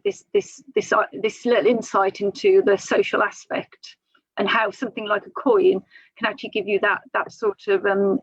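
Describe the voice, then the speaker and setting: A woman's voice: mid-range voice, vocal fry, slightly rough, dry recording, lo-fi sound. A woman archaeologist on a panel, explaining findings thoughtfully with frequent ums and restarts over a video call.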